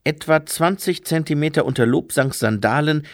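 A man reading a story aloud as narrator, slow and expressive. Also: a little high, dry recording, clean studio sound. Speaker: audiobook narrator. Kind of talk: scripted narration.

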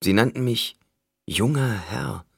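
A man voicing a loyal but confused cloned male servant who speaks haltingly in a subdued way. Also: mid-range voice, animated, creaky, husky, dry recording, clean studio sound, pitched above the performer's own voice, heavily acted. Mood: faltering.

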